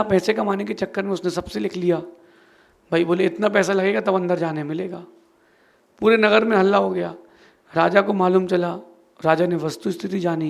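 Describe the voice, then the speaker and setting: A man's voice: sits high, vocal fry. A man, a Jain monk, giving an earnest sermon and telling a moral story, asking and answering his own questions.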